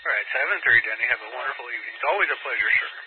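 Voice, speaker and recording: A man's voice: mid-range voice, animated, racing. A man chatting casually as an amateur radio operator, in a rambling, folksy, plain-spoken way. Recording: very noisy, phone-like two-way radio.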